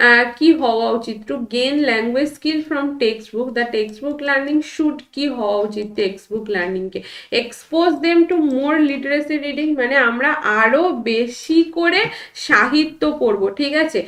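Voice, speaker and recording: A woman with a Bengali accent teaching an online exam-prep lesson. She reads English questions slowly, then explains them quickly in Bengali mixed with English. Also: high-pitched, fairly bright tone, reverberant, rough recording.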